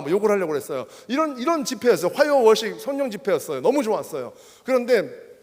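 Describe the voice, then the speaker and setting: A middle-aged man preaching a testimony sermon at a church worship service, keeps asking the crowd questions. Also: high voice. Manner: animated, keeps addressing the crowd with rhetorical questions. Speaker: guest preacher. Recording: long hall reverb.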